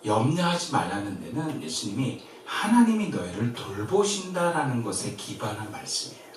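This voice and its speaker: A man from Korea preaching a sermon as pastor, in a lively way that swings from emphatic to soft and gentle. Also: mid-range voice, moderate pace, slight background noise. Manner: lively, shifts between loud and soft, quiet gentle quoted comfort. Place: church sanctuary. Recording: very echoey church from far off.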